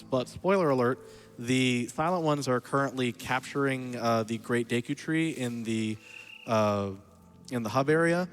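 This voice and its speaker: A man giving casual live commentary as he plays through his own speedrun, explaining the route with chatty, playful asides. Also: medium pitch. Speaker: speedrunner narrating own run.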